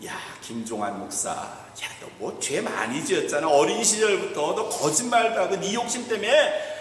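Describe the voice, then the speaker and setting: A man's voice: high voice, lively intonation, moderate pace, distant mic, slight background noise, voice pushed down. A male pastor voicing Satan as a mocking, scornful accuser in a sermon, recorded in an echoey church hall. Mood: taunting.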